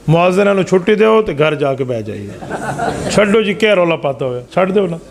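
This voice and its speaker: Male preacher, middle-aged, high-pitched, lively sermon delivery with rhetorical flair. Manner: animated, rhetorical, drops to low asides. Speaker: Islamic preacher. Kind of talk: religious sermon with anecdote.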